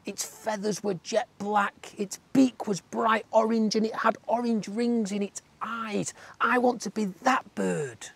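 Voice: a little slow, hardly any pauses, breathy edge. A narrator doing an eager stubborn little tadpole. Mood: excited. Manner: eager, insistent, high and excited. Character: stubborn young tadpole who dreams of flying.

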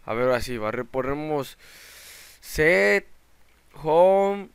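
Young male gamer, excitable let's play commentary, smooth voice, dry close sound. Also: on the high side, slow pace, no room sound. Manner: excitable, shouts in panic at sudden dangers. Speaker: gaming channel host.

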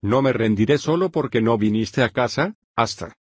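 A man's voice: medium pitch, lively intonation, moderate pace, breathy edge, no room sound, clean studio sound. A man voicing a determined young noble girl in a synthetic fanfic reading, voicing her resolute thoughts.

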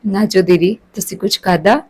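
A woman's voice: medium pitch, steady tone, normal speed, darkish tone, husky, natural voice, low-quality recording. A woman voicing an earnest, chatty young village girl in a storybook reading. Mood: caring.

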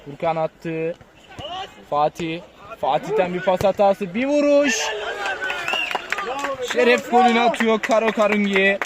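A man giving live play-by-play football commentary, lifting into excited, drawn-out calls on shots and goals. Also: sits high, crowd noise.

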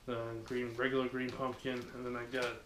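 Talking a bit fast in a mid-range voice, a young man hosting a fishing channel unboxes gear in a cramped, dim living room. His chat is casual and filler-heavy, picked up by a camera across the room in an echoey space with background noise.

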